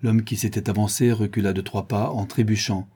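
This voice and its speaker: Dark, husky male audiobook narrator. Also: on the low side, brisk. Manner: calm, even storytelling.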